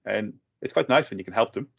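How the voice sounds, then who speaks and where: A man's voice: on the low side, brisk, creaky, husky. A middle-aged man from the Netherlands, talking casually in an interview with many fillers and restarts. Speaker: guest, tech blogger. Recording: dull lo-fi audio.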